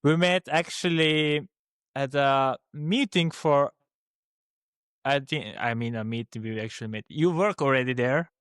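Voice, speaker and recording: This young Slovenian co-host speaks with a Slovene accent in a medium-pitched, slightly bright, clean voice at a measured pace. He talks hesitantly in a casual podcast chat, full of restarts and fillers. The recording is dry and studio quality.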